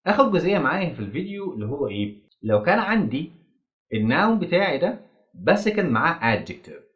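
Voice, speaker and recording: A man teaching English grammar in an Egyptian Arabic accent. He asks the class questions, answers them himself, and says the English examples slowly and clearly. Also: on the high side, big pitch swings. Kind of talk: grammar lesson. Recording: dull lo-fi audio.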